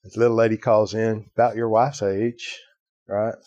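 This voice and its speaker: A man's voice: fairly low pitch, level tone, normal speed, a little mellow, no room sound, muffled recording. A man hosting a podcast, telling a story in casual conversation with lots of asides and "right?" tags. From Ireland. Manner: storytelling, acts out quoted voices, fillers like "right?". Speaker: podcast host.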